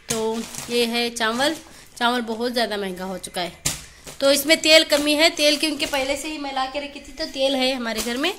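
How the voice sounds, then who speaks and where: A woman's voice: fairly high pitch, fairly bright tone, slight background noise. A woman in her thirties filming a casual home vlog in a small kitchen with a phone at arm's length, chatting in a homely, rambling way. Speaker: vlogger, mother. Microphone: phone held at arm's length.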